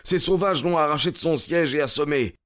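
A man's voice: a little fast, natural voice. A man putting on a frantic bearded young stranger. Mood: desperate. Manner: shouting, high-pitched outbursts. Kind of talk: audiobook character reading.

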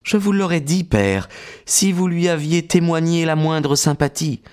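A composed young woman, put on by a male narrator, speaks with firm, earnest dignity in a raised, lighter voice. Her tone stays steady and resolute. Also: a little high, a little slow, pitched above the performer's own voice, close to an everyday voice. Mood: candid. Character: proud, composed young woman, grieving fiancée.

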